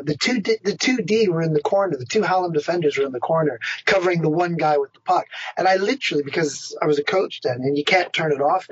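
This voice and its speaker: A middle-aged man talks in a casual, rambling interview, laughing at himself as he tells his stories. His voice is husky and sits a little high. The recording is dry and muffled. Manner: rambling, self-mocking storyteller. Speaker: ice hockey player and coach. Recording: dry, dull lo-fi sound.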